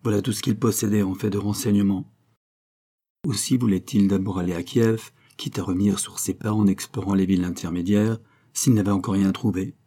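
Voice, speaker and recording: A man reading a novel aloud in steady, measured scripted narration. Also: fairly low pitch. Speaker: audiobook reader.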